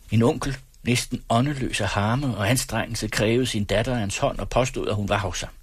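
Low husky male audiobook narrator. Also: no room sound. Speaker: audiobook reader. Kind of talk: first-person literary narration.

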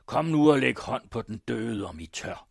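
A man reading an audiobook, voicing a vengeful male accuser who shouts and jeers. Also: fairly low pitch, gravelly, husky, no echo, clean studio sound. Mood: fierce. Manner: loud, jeering, fierce.

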